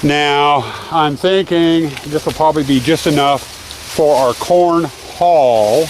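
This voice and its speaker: A man's voice: fairly high pitch, a little hiss or hum. A man hosting a casual vlog outdoors, chatty and laughing at his own jokes. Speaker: vlog host. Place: outdoors in a cornfield.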